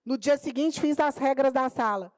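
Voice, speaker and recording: A woman's voice: high voice, normal speed, a little mellow, no echo, clean studio sound. A middle-aged woman teacher with a Minas Gerais accent, telling a classroom story at a public panel and acting out the dialogue as she goes. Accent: Brazilian Portuguese, Minas Gerais. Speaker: teacher and pedagogue speaking on a panel. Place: auditorium or conference room.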